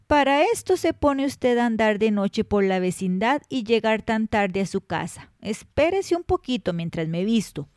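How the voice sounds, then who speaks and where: A woman's voice: on the high side, very animated, darkish tone, no echo, clean studio sound. A woman playing grumpy animal uncles of a folk tale. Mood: grumbling. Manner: slow, grumbling and scolding. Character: lazy, scolding male uncle animals (tiger, coyote).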